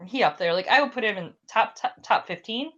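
A woman's voice: fairly high pitch, expressive, brisk, a bit bright, lo-fi sound. A young woman hosting a podcast, chatting casually and ranting with frequent swearing. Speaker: podcast host.

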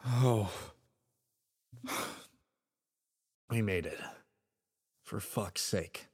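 A man's voice: on the low side, takes it slowly, darkish tone, breathy edge, in a large hall. Edward, a stammering, shaken man. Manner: stammering, agitated. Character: nervous, shaken male worker caught in danger. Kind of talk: video game voice acting.

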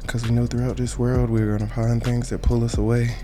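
Over background music, a man leads a meditation with informal prayer, sounding casual, colloquial and encouraging. His mid-range voice stays level and his pace is brisk.

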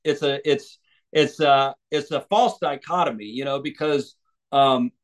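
A man's voice: mid-range voice, a little slow. A man from the United States, an evangelist and author, answering interview questions thoughtfully, with many restarts and fillers.

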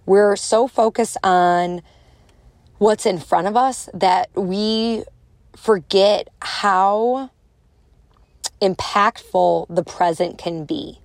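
Speaking extremely slowly in a medium-pitched voice, the young podcast host with a strong Chicago accent offers casual encouragement on her solo motivational show. She acts out inner voices, and the sound is dry with no echo.

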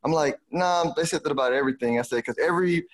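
A podcast host who is also a financial advisor chats casually with a Houston, Texas accent, speaking colloquially and dropping plenty of "you know"s. His voice is a little high and quick.

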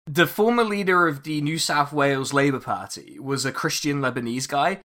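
A man with a fairly high, bright voice talks through a grim history topic in a loose podcast chat. He is wry and profane and breaks into laughter often. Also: normal speed. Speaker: podcast host.

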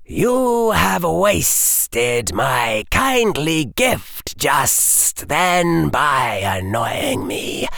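A reader voicing a cruel, mocking male dark wizard lord who hisses his words slowly and breaks into shouts. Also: medium pitch, vocal fry, dry recording, pitched above the performer's own voice, heavily acted. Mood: cold amusement. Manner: hissing, slow and drawn-out, bursts into shouts.

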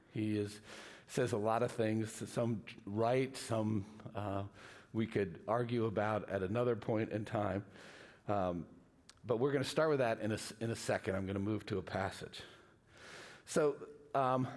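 An older man, a rabbi, giving an informal, halting, self-deprecating lecture, his voice slightly muffled by a face mask. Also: lowish voice. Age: older, a grandfather. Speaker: rabbi, guest teacher.

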